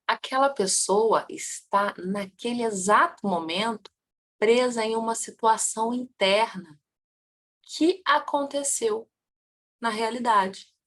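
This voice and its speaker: Leading a family constellation class, a woman with a voice on the high side speaks at a slow pace. She is lively, asking students questions she then answers, her loudness and speed rising and falling.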